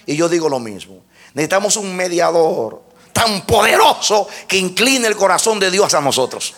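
Man, preacher, sermon, high voice, fervent outbursts, hesitant restarts. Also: sing-song, moderate pace. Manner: swings from quiet teaching to loud fervent exclamations; frequent "amén" and hesitant restarts.

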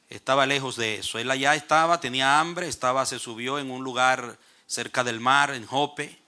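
Male preacher, bright and tense tone, sermon delivery with emphatic scripture reading. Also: mid-range voice. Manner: reads scripture aloud with rising emphasis, frequent "eh" pauses. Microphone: streamed online service.

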